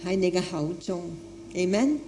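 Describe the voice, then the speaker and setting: Mellow woman preaching in foreign-accented Cantonese. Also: fairly low pitch, lively intonation, normal speed. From outside Hong Kong, a foreigner. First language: not Cantonese. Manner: repeats phrases for emphasis, asks the listeners questions. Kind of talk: sermon with personal testimony.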